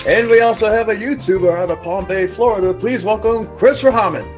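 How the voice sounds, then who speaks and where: A man's voice: high-pitched, fairly quick, music in the background. A man working as a game show co-host and announcer, introducing the players.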